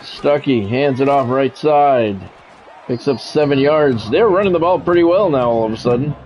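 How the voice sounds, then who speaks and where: Darkish in tone and moderately paced, a man's mid-range voice runs clipped, short-phrase play-by-play of a football video game, punctuated by casual, dry, blunt asides. He's a sports video game streamer and commentator heard through a dull, lo-fi mic with faint noise.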